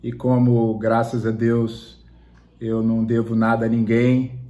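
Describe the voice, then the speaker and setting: A man in his forties giving a measured, reflective testimony in an interview, pausing with fillers. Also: mid-range voice, completely flat delivery, warm tone. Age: 40s.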